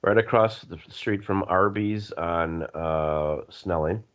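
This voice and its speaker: Hoarse middle-aged man, very deep voice, rambling jokey co-host, dull lo-fi sound. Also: slow. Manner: rambling, joking, excitable. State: hoarse, sick. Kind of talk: casual sports radio chat. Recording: muffled lo-fi audio.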